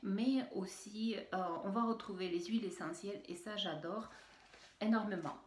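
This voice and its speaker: A woman's voice: mid-range voice, moderate pace, reverberant. Hesitant woman with a Russian accent. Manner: hesitant, many fillers and restarts. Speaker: beauty vlogger. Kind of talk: unboxing video, casual chat.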